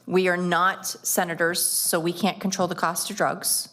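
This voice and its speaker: A woman's voice: lowish voice, flat delivery, fairly bright tone. A woman on a school board speaking earnestly at a public meeting, getting choked up and stretching out words for emphasis. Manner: earnest, emotional, drawn-out emphasis.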